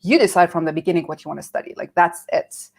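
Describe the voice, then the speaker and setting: Middle-aged woman from nazareth chatting on an interview, a bit low, voice jumps around when she quotes people. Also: fast talker, vocal fry. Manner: animated, acts out quoted voices. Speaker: guest. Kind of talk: casual interview storytelling.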